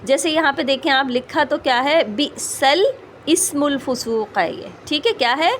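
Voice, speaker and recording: A woman's voice: sits high, lively intonation, a little hiss or hum. Patient woman teaching Quran recitation. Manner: patient, repeats "ٹھیک ہے؟" checks, slows to model sounds. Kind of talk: explanatory tajweed lesson.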